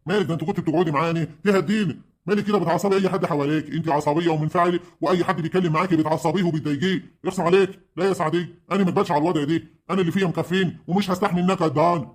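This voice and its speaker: A man's voice: on the high side, rapid-fire, close to an everyday voice. Man playing an earnest Egyptian village uncle. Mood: exasperated. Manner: pleading, scolding. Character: older village uncle, earnest and fair-minded.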